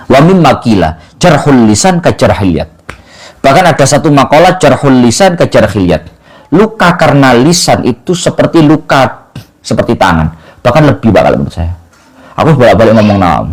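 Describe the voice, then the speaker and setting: A man with an East Javanese accent giving a religious study lesson, animated, reciting Arabic passages and often turning to his listeners with "Pak". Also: medium pitch, rough recording. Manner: keeps addressing listeners with "Pak". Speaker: religious teacher.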